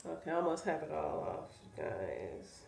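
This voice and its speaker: A woman's voice: sits low, sing-song, measured pace, gravelly, darkish tone, echoey room. A woman with a stuffy, nasal voice from sinus trouble, chatting casually to viewers while showing how she cuts and installs a wig. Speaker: wig seller demonstrating a wig install. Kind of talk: casual how-to vlog chat.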